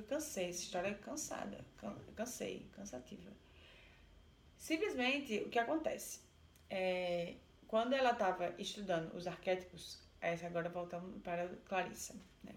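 A woman with a Brazilian accent retelling a folk tale and explaining it in a chatty, animated way. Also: mid-range voice, normal speed. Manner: chatty, animated, with many fillers. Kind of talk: casual storytelling and explanation. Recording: roomy echo.

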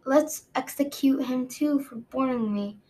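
For an audiobook, a woman with a high-pitched, warm voice plays a haughty, cruel dragon queen. The character gloats with cheerful malice, drawing out her words in an imperious manner.

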